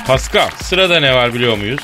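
A man hosting a comedy radio show, joking and laughing through quick asides. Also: medium pitch, lively intonation, pushed and bright, faint music behind. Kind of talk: comic radio banter.

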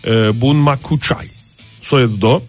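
A man's voice: mid-range voice, measured pace, soft background music. A man hosting a comedic podcast, telling a story with hesitant fillers and laughs.

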